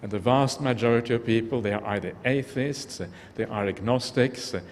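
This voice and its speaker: A man's voice: medium pitch, a little fast. Reflective man giving a dharma talk in a reverberant hall. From Norway. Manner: earnest, reflective, speaks to the audience directly. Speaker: Buddhist monk giving a talk. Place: large convention hall. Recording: long hall reverb, faint background noise.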